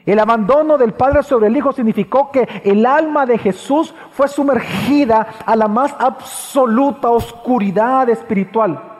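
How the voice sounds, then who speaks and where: A man pastor preaching a sermon, repeating phrases for emphasis and swinging between loud high passages and low hushed ones. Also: measured pace, hardly any pauses, long reverb tail. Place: church.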